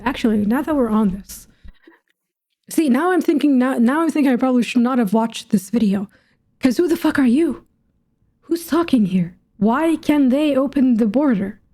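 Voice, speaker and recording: This is a gaming streamer, a woman with a slightly high, mellow voice, reacting to a game's story. Her commentary is casual and thought out loud, full of musing and questions, with some informal swearing.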